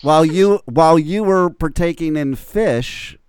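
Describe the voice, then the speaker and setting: A man's voice: on the high side, measured pace, a little mellow, smooth, dry recording. A man co-hosting a radio show, teasing his co-hosts with crude jokes and blunt opinions. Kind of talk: crude banter on morning radio.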